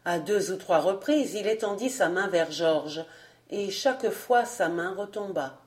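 A woman reading a classic novel aloud as an audiobook narrator, measured and deliberate. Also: fairly low pitch, animated.

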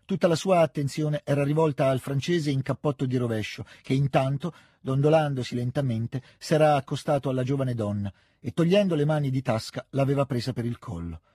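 A man giving a measured, even audiobook reading of a literary novel into a close studio mic. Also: mid-range voice, husky, no room sound. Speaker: audiobook reader. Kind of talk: scripted literary narration.

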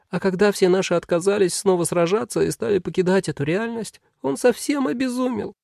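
A man's voice: extremely high pitch, vocal fry, a little mellow, no room sound, clean studio sound, pitched above the performer's own voice, full character voice. A man voicing a lonely, sorrowful male demon who talks in a plaintive, pleading way.

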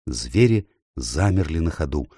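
Low-voiced, expressive male narrator. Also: measured pace, breathy edge, dry recording, clean studio sound. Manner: expressive storytelling. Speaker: audiobook narrator. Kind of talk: scripted narration.

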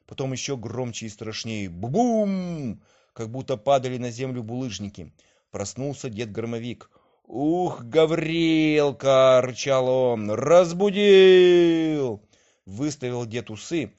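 A man narrating a children's story with an expressive, lively reading, on a dull lo-fi old recording. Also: medium pitch.

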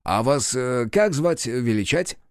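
A man's voice: medium pitch, lively intonation, takes it slowly, clear, resonant tone, dry recording, studio quality. A man voicing a brash, sardonic male hunter of the undead who talks bluntly and mocks. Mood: mocking. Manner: brash, mocking.

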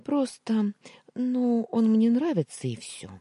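A woman's voice: low voice, big pitch swings, unhurried, dark tone, husky, no echo, studio quality, heavily acted. A woman voicing a shy, tearful young female maid who speaks timidly and anxiously in a storybook reading.

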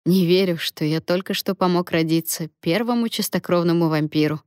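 A woman reading an audiobook voices a calm young man who soothes and teases gently. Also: lowish voice, a little fast, clean tone, no echo, studio quality, lightly acted. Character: calm, wry young man, vampire friend.

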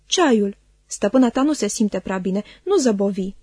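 A woman voicing a stern, imperious elderly spinster aunt in an audiobook, speaking brusquely and in measured commands. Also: medium pitch, expressive, mellow, husky, no room sound, clean studio sound. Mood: brusque, commanding. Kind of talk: audiobook reading.

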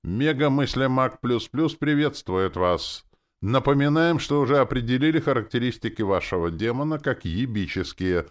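A man's voice: on the low side, pitched above the performer's own voice, lightly acted. A man voicing a formal talking magic program that delivers an officious announcement in an audiobook.

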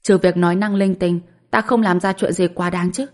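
A woman's voice: on the low side, steady tone, moderate pace, darkish tone, lightly acted. A woman voicing a flustered young husband in an audiobook, asking puzzled, pressing questions. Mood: exasperated. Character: young man, easygoing but flustered husband. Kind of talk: audiobook character voice.

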